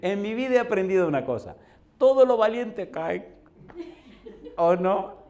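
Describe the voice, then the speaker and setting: A man in his fifties with a Dominican accent, preaching a storytelling sermon in a colloquial, animated way and laughing often. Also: high-pitched, a little slow. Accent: Dominican Spanish. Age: 50s. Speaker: pastor.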